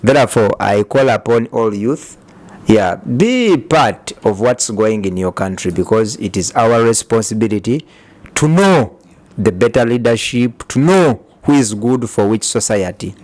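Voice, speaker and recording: A man's voice: fairly low pitch, lively intonation, darkish tone. Earnest male talk show host. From Uganda. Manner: measured, earnest, with frequent murmured "mm" acknowledgements. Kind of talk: interview and closing remarks.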